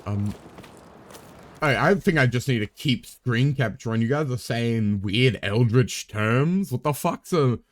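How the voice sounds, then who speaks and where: A man's voice: medium pitch, animated, measured pace, slight background noise. A young man live-streaming a game, chatting casually in a rambling way, swearing freely, with wry asides to his viewers.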